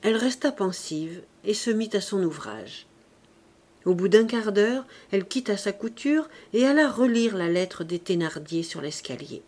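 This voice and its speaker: A woman reading a classic novel aloud as an audiobook narrator, in clear, even scripted narration. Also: mid-range voice, normal speed.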